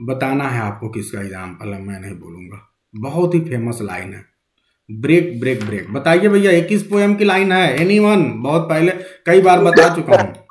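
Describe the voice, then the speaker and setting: A man's voice: medium pitch, lively intonation, normal speed. Echoey male teacher quizzing his class. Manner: coaxing, quizzes students, mixes English terms into Hindi. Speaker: English literature teacher. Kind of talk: live online class.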